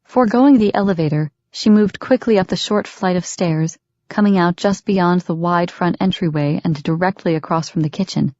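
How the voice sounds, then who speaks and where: A woman narrates an audiobook in a steady, measured way, her voice sitting low. The sound is dull and lo-fi, close and dry with no room echo. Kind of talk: scripted narration.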